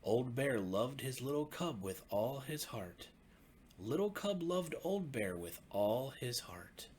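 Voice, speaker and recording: Here a man who works as a pastor reads a bedtime tale for kids. His delivery is tender and expressive, each phrase deliberate, his voice in the middle range, and faint noise sits behind him.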